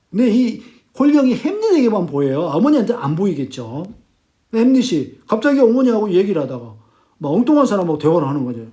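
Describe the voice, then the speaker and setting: Lit teacher guy retelling the plot, high and bouncy voice, kinda mellow tone. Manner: animated storytelling, acts out quotes. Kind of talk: literature lecture retelling a plot.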